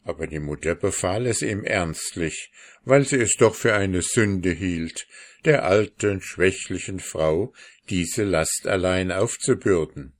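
A man reading a fairy tale aloud as narrator in a measured, expressive way. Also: deep voice. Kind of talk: storybook reading.

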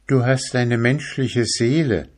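A man voicing a young female mermaid in a soft, simple way, pitched up from his own voice. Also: slow. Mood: gentle. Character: gentle little mermaid, young female sea creature.

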